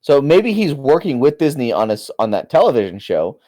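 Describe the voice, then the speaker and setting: Stammering young man, lively pitch. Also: brisk, dry recording. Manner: hesitant, stammering restarts, laughs often. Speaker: podcast co-host. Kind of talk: casual banter.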